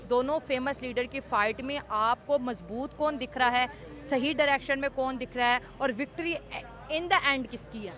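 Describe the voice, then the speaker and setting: A woman asks passers-by probing questions outdoors. Her voice is a little high and her questions come quickly. Street traffic sounds behind her. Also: fairly bright tone. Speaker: street interviewer. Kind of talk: interview questions.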